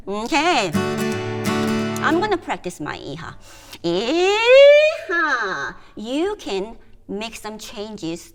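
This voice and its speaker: A woman, patiently leading a group through voice and breathing exercises as a music therapist. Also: lowish voice. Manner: slow, patient coaching with demonstrated sounds.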